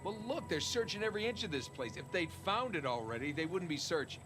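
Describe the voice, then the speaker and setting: An actor playing a calm, level-headed male treasure hunter in video game dialogue. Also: fairly high pitch, fast talker, music in the background. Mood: reasoning. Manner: calm, reasoning. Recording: game audio with ambient noise.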